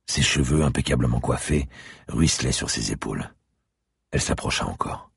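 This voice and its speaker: A man narrating an audiobook in the first person, slow and brooding, his voice rising sharply when his character speaks. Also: dry recording, studio quality. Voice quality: gravelly, husky, very deep. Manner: slow, brooding delivery, rises sharply in his spoken lines.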